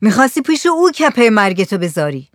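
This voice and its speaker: A woman doing a blunt, calm fisherman. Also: sits high, no echo, clean studio sound.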